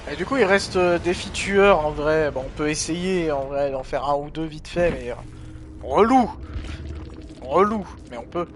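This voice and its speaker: A man streaming a video game, commenting live as he plays, talking to himself in an animated way and tagging his lines with "hein". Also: fairly high pitch, measured pace, a little hiss or hum. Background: game music.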